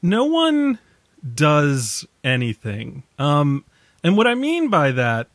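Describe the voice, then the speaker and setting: Guy with a high voice rambling about a movie, laughs a lot, dead dry mic. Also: wildly swooping pitch, takes it slowly, a bit bright, dry recording. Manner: rambling, self-deprecating, laughs often. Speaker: podcast co-host. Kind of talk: casual movie discussion.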